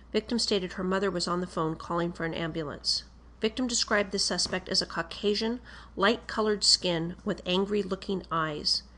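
A woman's voice: medium pitch, a bit bright. Woman formally reading a police report. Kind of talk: formal read-aloud of a police interview report.

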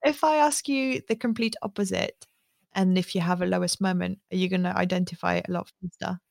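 A woman's voice: fairly low pitch, steady tone, brisk, vocal fry, dry recording, clean studio sound. A woman hosting an interview, asking questions in a conversational way. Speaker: interviewer, podcast host.

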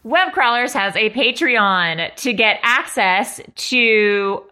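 A woman's voice: on the high side, animated, slow, bright, forceful tone. A woman hosting a casual comedic podcast, with a nasal, stuffed-up voice. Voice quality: nasal, congested-sounding. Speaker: podcast host. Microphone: phone with headphones on a video call.

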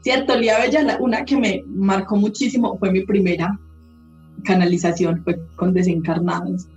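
A woman's voice: medium pitch, fairly even intonation, moderate pace, darkish tone. Lady guest on a podcast, blunt and swears a lot, roomy kinda muffled sound, faint music under. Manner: candid storyteller who swears casually. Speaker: holistic therapist guest. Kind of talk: casual podcast conversation.

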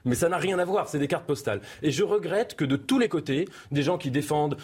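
Husky man arguing a point at length. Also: on the high side, lively intonation, a little mellow. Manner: measured, essayistic. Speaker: panel guest. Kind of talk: TV debate argument.

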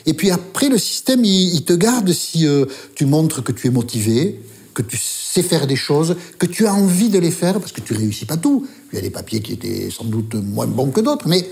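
An older man with a Basque accent, telling stories from his career as a journalist in a lively, casual way with the odd swear word. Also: on the high side, normal speed, gravelly. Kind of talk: interview storytelling.

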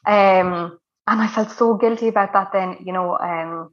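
A woman's voice: medium pitch, steady tone, a little slow, highs cut off. A woman with a west of Ireland accent telling her own story casually as an interview guest, chatty and emphatic, repeating words to stress them.

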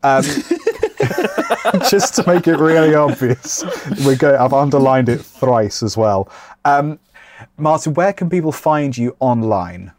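A man's voice: on the high side, sing-song, slow, a little mellow. A man hosting a podcast in a casual, rambling way, with jokey, self-deprecating asides. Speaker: podcast host.

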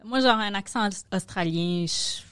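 Une femme à l'accent québécois, invitée d'un podcast, qui parle de façon amicale et approbatrice en conversation détendue. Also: female voice, mid-range voice, moderate pace, a bit bright, clear, resonant tone, no echo, studio quality. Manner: friendly, agreeing, laughs easily. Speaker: guest, comedy manager and producer. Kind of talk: casual conversation.

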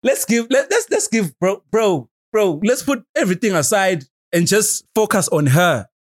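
A young man with a Swazi accent chatting casually on a podcast in an animated, repetitive, slangy way, switching between languages. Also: high voice, normal speed. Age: young adult. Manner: animated, repetitive, peppers talk with "bro".

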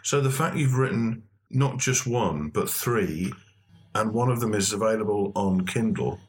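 A man's voice: fairly low pitch, a little slow. A man from the United Kingdom hosting a podcast, encouraging his guest in a casual chat and laughing easily. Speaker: podcast host.

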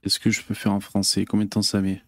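A man's voice: fairly low pitch, monotone, quick pace, faint music behind. A man hosting a casual live stream, chatting with viewers in a loose, hesitant way with lots of fillers and curse words. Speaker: host.

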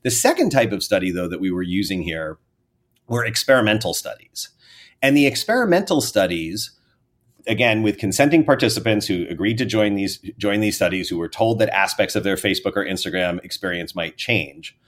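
A man, explaining research findings in an interview in a measured, academic way. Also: sits low, lively intonation, fairly bright tone. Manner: measured, academic, trails off at sentence ends. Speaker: researcher guest.

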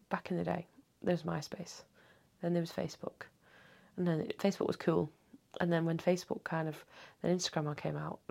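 Low, husky woman chatting. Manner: rambling, chatty, swears freely; often drops to a hushed half-whisper. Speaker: podcast host. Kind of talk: casual solo podcast chat. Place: indoors at home late at night.

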